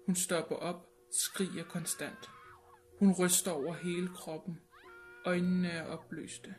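A woman reading an audiobook in a measured, grave narration. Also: fairly low pitch, little pitch movement, a little mellow. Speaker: audiobook reader. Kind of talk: scripted narration. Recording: narration with music bed. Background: music.

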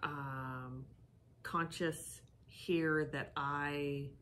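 A woman's voice: sits low, fairly even intonation, drawn-out words, a bit bright, a little hiss or hum. A middle-aged woman giving casual commentary, thinking aloud and searching for her words. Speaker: psychic co-host of a reaction show. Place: living room with fireplace, indoors.

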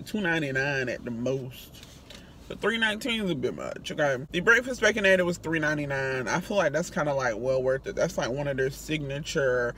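With a low, fairly bright voice, a woman who hosts a food review channel chats with her viewers in a casual, friendly way. She's recording inside a vehicle, and a faint hum of road noise runs underneath.

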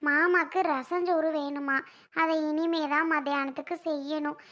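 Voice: high-pitched, steady tone, normal speed, pushed and bright. Someone playing a meek, tired mother-in-law. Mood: resigned.

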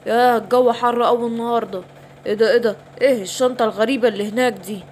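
A woman's voice: on the high side, steady tone, rapid-fire, darkish tone, slight background noise, lightly acted. Egyptian woman doing a fussy papa lion, kids bedtime tale. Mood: complaining. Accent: Egyptian Arabic. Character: father lion, weary and kind. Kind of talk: children's bedtime story voicing.

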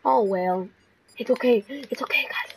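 A young woman giving jumpy gameplay commentary, often dropping to hushed whispers and then bursting out with gasps. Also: a little high, a little slow, creaky, breathy edge, rough recording. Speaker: gaming video creator.

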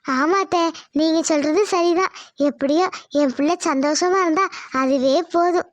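A woman's voice: high voice, moderate pace, dry recording, lightly acted. A woman voicing a sweet, coy young village wife, cooing and affectionate in a cartoon. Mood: cheerful.

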